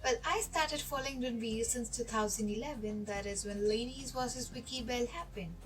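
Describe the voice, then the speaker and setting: A woman's voice: a little high, moderate pace, poor audio. A woman giving an articulate, reflective fan testimonial. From India.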